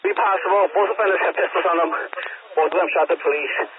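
A man's voice: sits high, fast talker, noisy background. Man over a tinny police radio.

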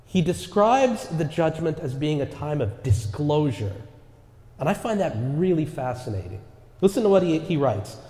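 Speaking at normal speed in a warm, fairly high voice, a male pastor preaches with great animation and earnestness. He repeatedly checks in with his listeners by asking "right?" rhetorically, while the church sanctuary adds an echoey, long reverb.

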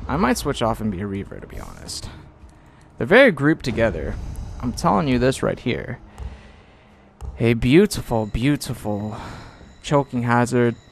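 A man's voice: medium pitch, creaky, slight background noise. A young man giving casual gameplay commentary with playful, self-mocking banter.

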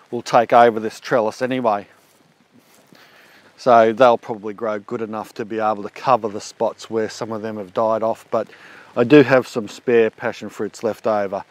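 Australian man, forties, relaxed garden vlog, outdoors, handheld camera, mid-pitched voice. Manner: relaxed, chatty explaining while walking. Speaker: homesteading vlogger. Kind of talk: casual garden walk-through. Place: outdoor backyard garden on a rainy day. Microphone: handheld action camera.

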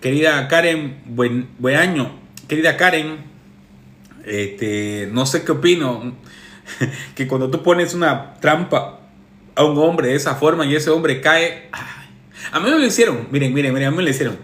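A man's voice: a little high, expressive, normal speed, fairly bright tone, roomy sound. A relationship coach, a man, reads viewer messages and answers them with sarcastic, teasing advice in a casual monologue.

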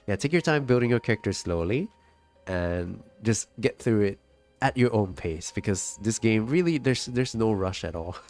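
Brief: male streamer with a cold, nasal and congested, relaxed and chatty, a touch low, faint game music underneath. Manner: relaxed, chatty, reading out viewer comments. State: sick with a stuffy nose and cough. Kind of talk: casual live-stream chat while gaming.

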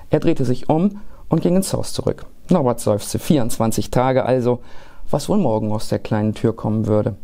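A man reading a children's Christmas story aloud in a lively, expressive way. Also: medium pitch.

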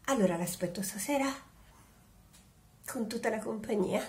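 An actress playing a sly, mock-grieving widow on the phone in a comic home-theater sketch. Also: female voice, on the high side, moderate pace, darkish tone, roomy sound, close to an everyday voice. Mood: coy. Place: home, indoors.

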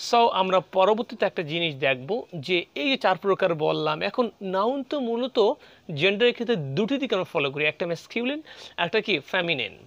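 A man's voice: sits high, a bit bright, no echo. A man with a Bengali accent teaching English grammar, explaining patiently and repeating example words aloud. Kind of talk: classroom lecture. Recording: muffled lo-fi recording.

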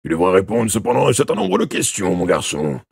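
A stern, scolding police inspector, as a man reads him aloud from a detective novel. The voice is husky and low, yet lifts and swings with lively inflection, and it sits close and dry with no room around it. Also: moderate pace, dry recording, exaggerated voice. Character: gruff middle-aged male police inspector.

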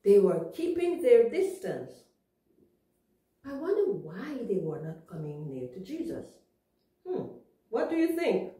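A woman teaching young children a Bible story, explaining things simply and asking them gentle questions. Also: medium pitch, big pitch swings, a little slow, pauses often. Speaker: Sabbath school teacher. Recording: echoey room, far from mic.

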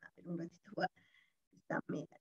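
A woman's voice: fairly quick, muffled recording. A woman teacher with a Peruvian Spanish accent, reading a story aloud to young pupils and explaining it, often checking in with "¿verdad?". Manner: warm-toned, explanatory, keeps asking "¿verdad?". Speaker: primary school teacher. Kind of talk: reading comprehension lesson for children.

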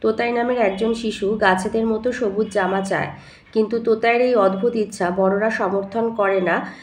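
A woman's voice: mid-range voice, fairly even intonation, moderate pace. A woman teacher going through exam questions, reading each one aloud and then dictating the answer step by step. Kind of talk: exam answer walkthrough lesson. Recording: echoey room.

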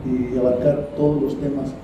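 A middle-aged man from El Salvador who grew up in the United States, a poet answering interview questions thoughtfully, with many pauses and repeated words. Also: medium pitch, little pitch movement, lo-fi sound. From El Salvador, raised in the United States. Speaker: writer and poet, interview guest. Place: high-floor room by a large window over a city. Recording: roomy echo from the camera mic at a distance, noise behind.

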